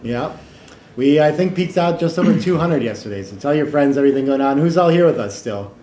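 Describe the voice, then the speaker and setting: A man hosting a live tournament stream in a casual, joking way, often trailing off into quiet asides. The room is echoey. A faint noise runs underneath. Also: fairly high pitch, expressive, a little fast.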